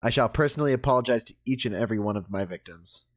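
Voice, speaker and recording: A man's voice: medium pitch, rapid-fire, natural voice. A male game actor playing a detective who hams up a pompous immortal vampire with theatrical declamation, in a video game. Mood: grandiose. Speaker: detective hero of a story game.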